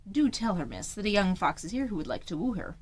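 A woman's voice: mid-range voice, very animated, quick pace, husky. Brief: woman reader as a polite young fox suitor, inquiring.

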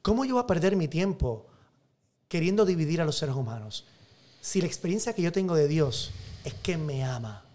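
Priest, fairly high voice for a guy, emphatic storyteller, acts out the back-and-forth. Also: lively intonation, normal speed, darkish tone. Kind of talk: personal testimony in an interview.

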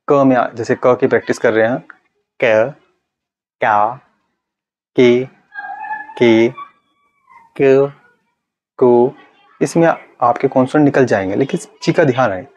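A young man, a speech therapist, teaching in a slow, deliberate way and stretching out his syllables. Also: mid-range voice, a little mellow. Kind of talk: instructional video.

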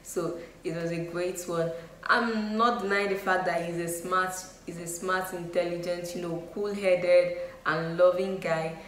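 A young woman YouTube vlogger gives her opinions in a casual, chatty video, talking loosely with frequent "you know" and "um" fillers. Her voice is lowish, a bit bright, fairly even and unhurried, recorded in an echoey room with faint noise.

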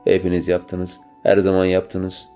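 A man's voice: low voice, monotone, unhurried, warm tone, faint music behind. A man voicing a scarred male serial killer who speaks coldly and menacingly. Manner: menacing, cold.

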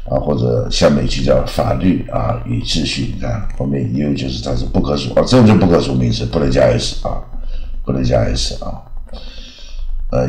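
A man's voice: very deep voice, a little mellow, reverberant, rough recording. A man from Taiwan giving a casual, rambling English lesson, full of filler particles and restarts. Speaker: English teacher.

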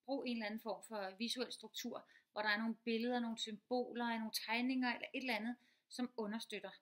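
A middle-aged woman, a teacher and mother, giving casual advice, talking quickly with many fillers and restarts. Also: fairly high pitch, steady tone, fairly bright tone. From Denmark.

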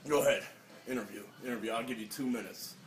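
A man's voice: mid-range voice, fast, far from the mic, slight background noise, close to an everyday voice. A young man playing a brash, crude 1980s fitness instructor in a swaggering, rambling comedy sketch. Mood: cocky, boastful. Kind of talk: improvised mock-interview comedy sketch. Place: small indoor room. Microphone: phone camera a few feet away. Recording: echoey room, off-mic phone video.

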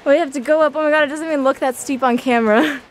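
A young woman with a high voice talks at a racing pace in a steady tone, with a little hiss or hum on the audio. She's filming a casual travel vlog on a handheld camera held at arm's length, chatting and giggling with friends off camera and narrating herself on a foggy mountain hike, later in a pub and a car.

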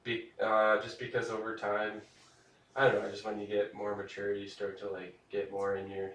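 A man's voice: lowish voice, monotone, moderate pace, a bit bright. A man speaking casually as a podcast guest, slangy, loose and joking. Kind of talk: casual chat. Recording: roomy sound from a distance.

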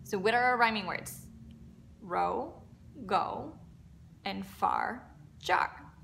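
Bright, unhurried woman with a kindergarten teacher voice. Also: mid-range voice, vocal fry, a little hiss or hum. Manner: kindergarten teacher voice, encouraging and instructional, addressing young children. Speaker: preschool teacher. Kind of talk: preschool circle time lesson to camera. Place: indoor classroom.

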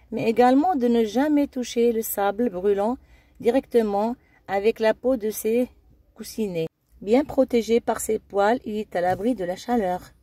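Mellow-voiced woman reading a documentary. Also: a little high, dry recording. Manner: steady reading with occasional slips. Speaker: narrator of a documentary-style video. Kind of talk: scripted narration.

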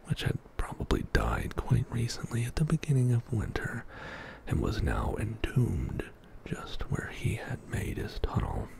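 Close to the mic in a compact indoor studio, a middle-aged man whispers a bedtime story for ASMR listeners. The lowish voice is breathy and soft, and the narration moves slowly in a hushed, calming way.

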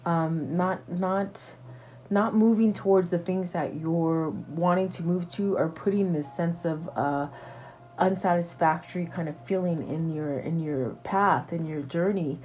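Woman tarot reader, casual chat to camera, lowish dark warm tone, halting and reassuring with lots of fillers. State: hiccups.

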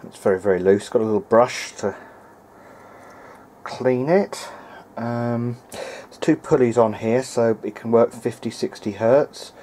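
An unhurried man with a dark-toned, medium-pitched voice talks his way through a repair at an indoor workbench. As a hobbyist recording a video diary, he thinks aloud hesitantly, and there's a little hiss or hum in the audio.

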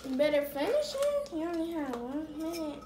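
High-voiced woman in an echoey room. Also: big pitch swings, normal speed, dark tone, a little hiss or hum. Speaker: timekeeper off camera. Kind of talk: casual chat, calling out challenge rules. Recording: echoey kitchen, clattering dishes.

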